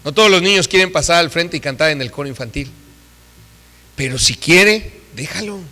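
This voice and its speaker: Man preaching, high bright voice, emphatic, acts out quoted voices, long church reverb. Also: expressive, normal speed. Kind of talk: sermon.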